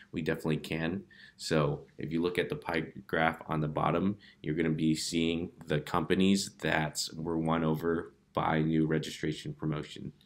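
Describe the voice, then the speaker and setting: Very deep-voiced man walking through a demo. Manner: relaxed, with frequent "uh" fillers. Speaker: presenter of analytics demo. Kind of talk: casual software demo walkthrough.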